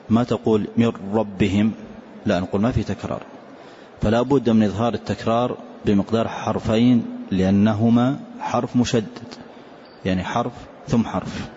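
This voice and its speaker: A man teaching a tajweed lesson, explaining slowly and reciting short words to demonstrate pronunciation. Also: lowish voice, steady tone, warm tone. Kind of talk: classroom lesson on tajweed rules. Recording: dull lo-fi lecture recording with faint hiss.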